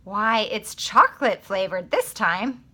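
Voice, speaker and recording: An eager little boy with a sweet tooth, gushing over every taste, as a woman puts him on. His voice is high and bright and leaps around as he speaks. It sounds like storybook read-aloud acting. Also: huge pitch swings, slow, slightly rough, exaggerated voice. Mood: delighted. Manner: eager, delighted. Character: greedy young boy who loves chocolate.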